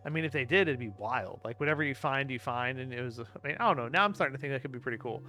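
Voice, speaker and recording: Bright-voiced man commenting on a game. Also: mid-range voice, racing, faint music behind. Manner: rambling, reactive, joking. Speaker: gaming streamer. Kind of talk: casual playthrough commentary.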